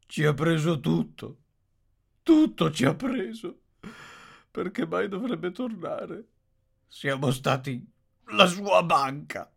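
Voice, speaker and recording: A man voicing a gloomy, self-pitying aging ogre who grumbles gruffly. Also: on the high side, animated, takes it slowly, long pauses, fairly bright tone, heavily acted. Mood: glum.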